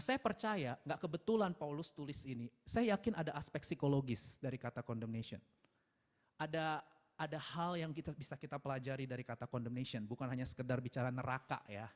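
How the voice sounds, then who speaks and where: A married man preaching a sermon in a chatty, animated way, laughing often and mixing in English words. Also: fairly high pitch. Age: adult, married. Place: church service.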